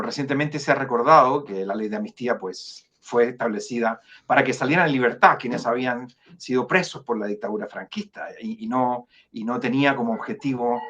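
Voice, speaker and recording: A man with a Chilean accent speaks as the guest of an online interview at a middling pitch. He is measured and hesitant, full of fillers and restarts. The call audio sounds a little dull and lo-fi. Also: fairly bright tone. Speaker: foundation director, guest.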